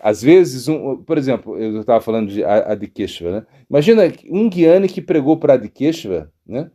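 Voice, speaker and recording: Animated monk telling a story. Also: male voice, medium pitch, brisk. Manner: animated storyteller, frequent "né?" and restarts. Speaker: monk teaching devotional philosophy. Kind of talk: storytelling spiritual talk.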